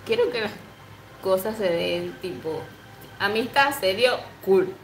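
A woman in her twenties chats on a livestream in a slow, unhurried way, reading out comments and giggling between them. She coos baby talk to her pet. Her voice carries the echo of a bare room with a faint hum behind it. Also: medium pitch, animated. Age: 20s. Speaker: livestream host.

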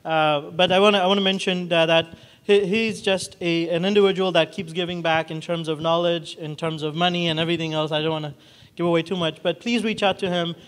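A man in his thirties hosts a college event, talking freely with frequent restarts and fillers. His voice sits high for a man. He holds a handheld microphone in a large hall. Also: steady tone, a bit bright. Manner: halting, many restarts and fillers. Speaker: event host. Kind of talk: unscripted event hosting. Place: large hall with red walls and a projection screen.

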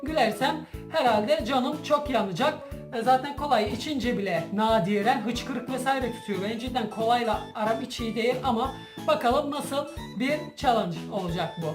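A woman chatting casually to her viewers as a challenge host, animated and giggly, trying not to laugh. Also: on the high side, moderate pace. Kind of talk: casual vlog chat to viewers. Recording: roomy echo, music behind.

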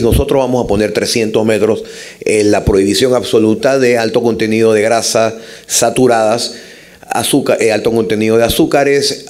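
A man's voice: fairly low pitch, a little mellow. A man in his sixties with a Panamanian accent, explaining points emphatically as a conference delegate. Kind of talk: formal but extemporaneous conference remarks. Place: large conference hall. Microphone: gooseneck table microphone.

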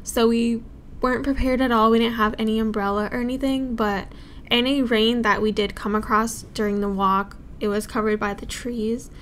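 A woman's voice: on the high side, fairly even intonation, normal speed, a bit bright, slight background noise. A young woman in her twenties vlogging casually outdoors in a rainy park, gushing and giggly, filming at arm's length. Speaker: travel vlogger. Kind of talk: casual travel vlog. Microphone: handheld phone or camera at arm's length.

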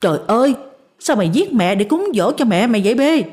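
A woman's voice: medium pitch, expressive, moderate pace, a little mellow, slightly rough. A woman voicing a frightened, insistent older village woman in a spoken story, talking in urgent pleading bursts.

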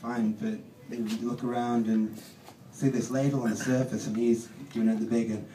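A young man doing stand-up in a halting, deadpan way full of ums. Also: medium pitch. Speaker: stand-up comedian. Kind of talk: stand-up comedy set. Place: comedy club stage. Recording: roomy live club, distant mic, noisy.

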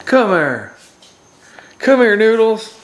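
A man's voice: high-pitched, big pitch swings, slow pace. A man at home chatting playfully to his dogs on camera, in a teasing, baby-talk way. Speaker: vlogger and dog owner. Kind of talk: casual chat to pets on camera. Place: home, indoors. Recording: roomy echo, faint noise.

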